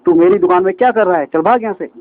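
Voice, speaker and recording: A jeering storybook cloth merchant who laughs scornfully at his visitor, as a man voices him. The voice is high, and the sound comes through thin and phone-like. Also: rapid-fire, lightly acted. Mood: mocking. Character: mocking male cloth merchant.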